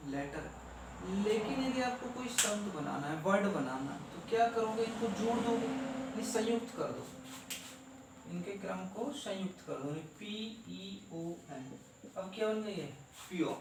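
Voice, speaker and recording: Man teaching from afar in an echoey room. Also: high voice. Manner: asks questions and answers them himself; spells out letters slowly one by one. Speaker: English teacher. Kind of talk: classroom grammar lesson. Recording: echoey room, voice from far off, faint noise.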